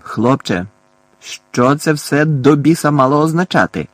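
A man voicing a blustering, furious middle-aged uncle in an audiobook, hoarse and gruff, badgering loudly. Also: medium pitch, lively intonation, measured pace, dry recording. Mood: angry. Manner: loud and badgering.

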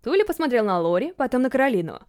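Brief: woman audiobook narrator, higher voice, very lively pitch. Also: very fast. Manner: expressive storytelling.

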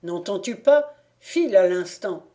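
A woman reading the part of a burly young blacksmith who shouts roughly and threatens, in a storybook reading. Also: high-pitched, animated, measured pace. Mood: furious.

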